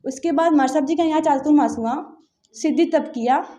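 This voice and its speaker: A woman's voice: sits high, brisk, mellow. A young woman from Rajasthan earnestly recounting a personal story in casual interview talk, acting out her family's words as she goes. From Barmer, Rajasthan, India.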